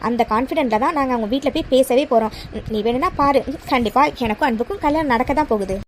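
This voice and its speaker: A chatty, self-assured young woman doctor in a cartoon story, as a woman puts her on. She speaks quickly and brightly, with a faint hiss behind her. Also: high voice, pitched below the performer's own voice, lightly acted. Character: confident young woman doctor set on marriage. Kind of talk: animated cartoon story dialogue.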